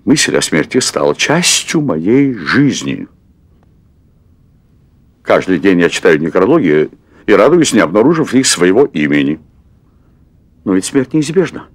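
A man's voice: low voice, very animated, measured pace, pauses often, no echo, heavily acted. An actor in his fifties playing a nervous middle-aged restaurant owner who confesses at length, hesitating and repeating words, in a stage play recorded for television. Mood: confessional. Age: 50s. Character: anxious middle-aged man, restaurant owner craving adventure. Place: theatre stage set as hotel room.

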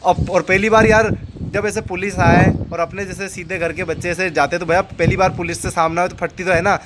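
This storyteller vlogger, a young man with a Rajasthani Hindi accent, speaks briskly in a high, flat voice. He recounts a personal story casually, repeating phrases and voicing the people he quotes, over very noisy surroundings.

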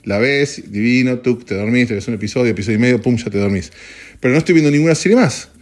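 A man's voice: medium pitch, fast talker. A young man with an Argentine accent, chatting casually and rambling for his podcast while standing in an office. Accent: Argentine Spanish. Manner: rambling, joking, swears casually, jumps between topics. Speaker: podcast host. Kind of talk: casual voice-note chat.

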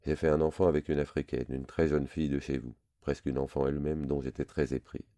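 A man's voice: a bass voice, little pitch movement, fast talker, mellow, dry recording, clean studio sound. A man voicing a heartbroken aging Frenchman, drunk and dazed, who talks in a subdued murmur.

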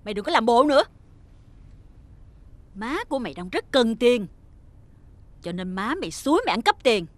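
A wealthy mother in a TV drama, speaking with a Southern Vietnamese accent. Her voice sits high and turns shrill and scolding. She fusses over her own son but tears into the boy she blames. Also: sing-song, moderate pace, long pauses, dry recording. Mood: furious. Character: wealthy mother, doting to her son, harsh to his friend. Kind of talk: TV drama acting.

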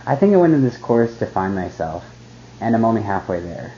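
Low mellow dude rambling, like, like, like, faint hiss behind, muffled audio. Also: male voice, sing-song, brisk. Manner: rambling, says "like" constantly. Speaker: cooking student. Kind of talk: casual chat. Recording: dull lo-fi sound with faint noise.

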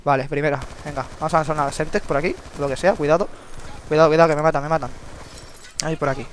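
A young man from Spain with a Spanish accent, casually commenting on his own gameplay, eager and excitable, swearing when frustrated. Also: a little high, very fast, a little hiss or hum. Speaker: gameplay video host.

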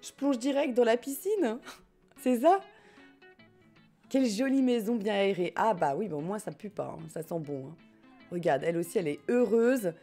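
A French-accented woman casually chats while streaming a life-sim game, reading her chat, joking and laughing often. Her medium-pitched voice is animated and mellow at a moderate pace, with faint music behind.

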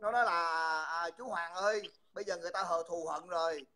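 A man with a high, bright, pushed voice talks fairly quickly while hosting a livestream. He keeps mockingly insulting someone over and over in heated taunting.

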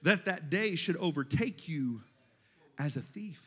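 A man preaching a sermon in a church, moving between hushed scripture reading and shouted exhortation. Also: a little high, animated, unhurried, slightly rough.

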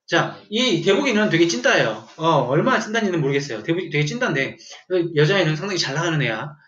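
A man's voice: on the high side, lively intonation, fast, a bit bright. A man teaching English vocabulary to a class, telling a joking story and quizzing his students as he goes. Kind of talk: classroom lecture. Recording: echoey room, dull lo-fi sound.

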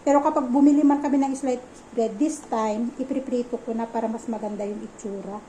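Woman, vlogger, casual chat, high-pitched, mixes in English, soft phrase endings. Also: steady tone, brisk, a little hiss or hum, rough recording. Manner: chatty, mixes English phrases into her talk. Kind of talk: casual home vlog narration.

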